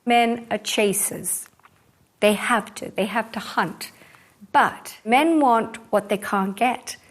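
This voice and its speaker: A woman giving firm instruction as an etiquette teacher. She enunciates primly and precisely, making her points in short, emphatic statements at a middling pitch. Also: slow. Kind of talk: classroom instruction.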